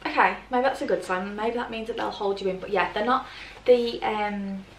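A British fashion vlogger in her twenties chats through a casual clothing try-on haul, packing her talk with filler and saying "like" constantly. Her medium-pitched voice moves at a normal pace and is picked up by the camera's mic from across a plain grey bedroom, so it sounds a bit off-mic, with roomy echo, faint ambience and slight background noise.

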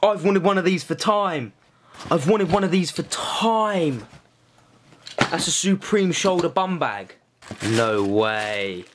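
A young man, talking excitedly and in slang while vlogging an unboxing into a handheld camera. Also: fairly high pitch, takes it slowly. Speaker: vlogger host. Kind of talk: casual vlog unboxing and exploring. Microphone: handheld camera mic. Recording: noisy handheld camera audio.

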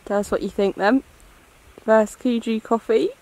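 A woman's voice: on the high side, normal speed, darkish tone, poor audio. A young woman vlogger chatting cheerfully outdoors by a car, offering coffee and laughing. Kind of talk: casual chat.

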